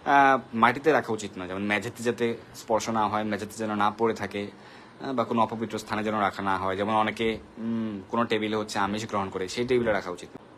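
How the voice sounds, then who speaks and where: A man's voice: on the low side, steady tone, fairly quick, a bit bright, a little hiss or hum. A man hosting a live devotional question-and-answer session, patiently explaining and greeting viewers by name. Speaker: devotional Q&A host.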